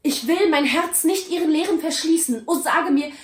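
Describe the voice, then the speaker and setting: A woman's voice: big pitch swings, normal speed. Scrooge, a frightened old miser, as a woman puts him on. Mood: desperate pleading. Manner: pleading, voice rising high in despair. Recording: roomy echo.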